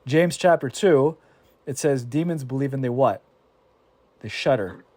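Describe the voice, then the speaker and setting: Animated man teaching scripture, dry sound. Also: medium pitch, a little slow, no echo. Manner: animated, restarts often, acts out quoted exchanges. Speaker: Bible study teacher. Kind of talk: casual Bible discussion.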